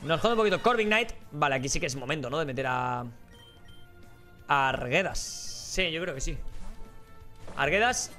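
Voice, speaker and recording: A man's voice: fairly high pitch, expressive, normal speed, pauses often, bright, forceful tone, faint music behind. A man giving casual, rambling gameplay commentary as a let's play host, joking and swearing casually.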